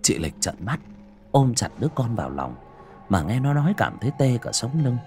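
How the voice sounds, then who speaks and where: A man's voice: mid-range voice, big pitch swings, normal speed, darkish tone, soft background music. A man narrating a spooky story as an audiobook, dramatic and building suspense.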